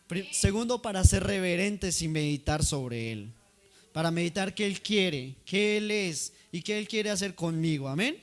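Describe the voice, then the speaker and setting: A man preaching a sermon in a conversational way, asking the congregation questions. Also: fairly high pitch.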